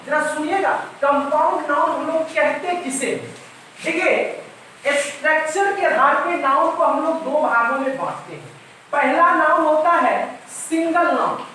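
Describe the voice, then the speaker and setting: In an extremely high, sharp voice, a man teaches English grammar classroom-style, going over points repeatedly and posing questions he then answers himself. The recording has slight background noise, a distant mic, and heavy room echo.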